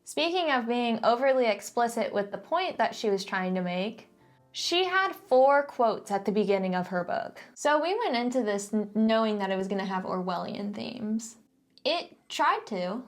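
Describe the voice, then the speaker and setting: A woman's voice: on the high side, expressive, normal speed. A woman co-hosting a casual book discussion, giving opinionated critique with a sarcastic edge. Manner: critical, sarcastic mock-quoting.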